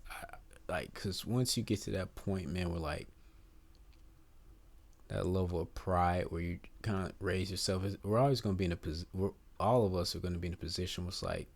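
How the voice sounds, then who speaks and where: A man in his thirties, a podcast guest, talking in an easygoing, halting way, searching for words and saying "man" and "I'ma.". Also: low voice, fairly even intonation, gravelly. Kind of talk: casual podcast conversation.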